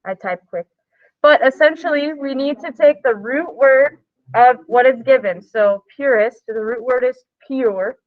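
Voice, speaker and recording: A woman leads a live classroom lesson, walking students through the work in a casual, chatty way. Her voice sits fairly high. The sound is dry and tinny, like a phone line. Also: a little slow, no echo. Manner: casual, chatty, explains step by step. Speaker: teacher.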